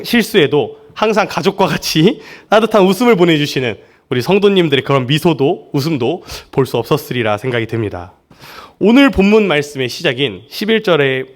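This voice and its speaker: A young man from Seoul, a junior pastor preaching a church sermon in a friendly, joking way. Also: fairly high pitch. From Seoul, South Korea. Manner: friendly and joking, often laughing with the congregation. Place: church service.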